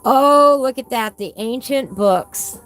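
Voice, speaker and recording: Woman, higher-pitched voice, whistling S's, casual folksy host chat, gushing exclamations, music in the background. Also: slow, a bit bright. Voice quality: whistling S sounds. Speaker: host of a coloring book channel. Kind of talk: casual live chat while flipping through a book.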